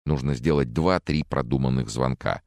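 A man voicing a cool, calculating young male student who reasons things through in a measured way, in an audiobook thriller. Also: very deep voice, vocal fry, darkish tone, no room sound, studio quality. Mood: cold, reasoning. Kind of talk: audiobook character reading.

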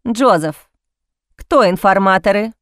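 A woman's voice: mid-range voice, takes it slowly, no room sound, studio quality, natural voice. A woman reading an audiobook, voicing a cruel Irish henchwoman who speaks curtly and coldly. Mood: cold threat. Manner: cool, curt, threatening.

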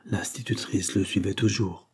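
A man narrates a classic novel as an audiobook in a steady, measured reading. His voice sits low with a husky grain and a dark, mellow tone.

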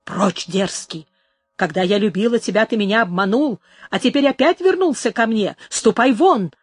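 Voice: animated, moderate pace, slightly rough. A narrator voicing a desperate young woman who cries out in terror and rage against an attacker, in a dramatized audiobook. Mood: furious. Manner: high, loud, cries out in terror and fury.

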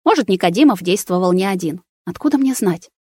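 A woman reading a tired young man, calmly resigned. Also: mid-range voice, brisk, husky, dry recording, studio quality.

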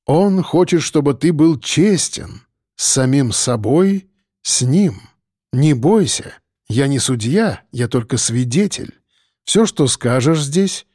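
A man voicing a calm, patient priest who speaks slowly and gently, like a father guiding someone. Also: a little high, no echo, studio quality. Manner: slow, gentle, instructive.

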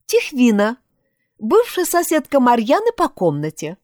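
A woman voicing a brisk, teasing young female friend in an audiobook, high and animated. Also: dry recording, studio quality. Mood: surprised.

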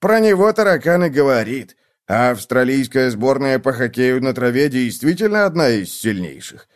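A jovial old hamster gnome, voiced by a man in a children's storybook. He lectures in a hearty, lively tone that rises and falls. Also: mid-range voice, normal speed, natural voice.

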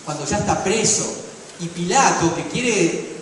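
A man with a Rioplatense Spanish accent preaching a sermon, acting out crowd shouts and dialogue with passion. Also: sits high, expressive, a little slow, slight background noise. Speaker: pastor. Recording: echoey hall, voice from far off.

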